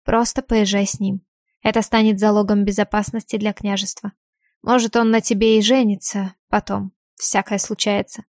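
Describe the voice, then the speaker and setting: A woman's voice: medium pitch, level tone, moderate pace, darkish tone, no room sound, clean studio sound, natural voice. A woman voicing a stern, tired older prince who is the heroine's father in an audiobook. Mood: weary. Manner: curt, tired.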